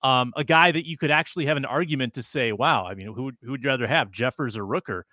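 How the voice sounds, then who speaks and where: A man's voice: mid-range voice, fast talker, sharp tone, dry recording, clean studio sound. A man hosting a sports podcast in a conversational way, in short casual phrases. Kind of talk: casual sports talk and conversational host-read ads.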